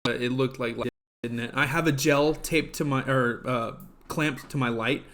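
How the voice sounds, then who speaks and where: A man's voice: mid-range voice, steady tone, normal speed, noisy background. Rambling man hosting a live stream. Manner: rambling, heavy on fillers and restarts. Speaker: livestream host. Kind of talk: casual live-stream chat.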